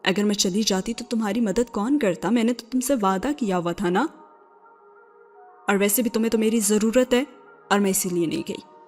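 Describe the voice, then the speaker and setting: Storybook: woman reads a devoted young girl, sincere and pleading, mid-pitched. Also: a little mellow, soft background music, natural voice. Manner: pleading and earnest. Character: earnest, devoted little girl of about nine.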